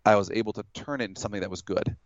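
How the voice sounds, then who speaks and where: A man with a low voice lays out his argument patiently and methodically, walking through examples. The sound is dull and lo-fi, with a dry, close feel. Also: dry recording. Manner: measured, explanatory, uses hypotheticals. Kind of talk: debate.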